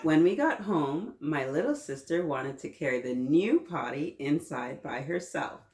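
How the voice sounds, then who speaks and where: Reading a story aloud to children in a small indoor playroom, a woman in her thirties keeps them engaged with frequent questions and casual chat. She speaks a little slowly in a low, slightly mellow, animated voice. The recording has a roomy echo, with the mic placed a bit away.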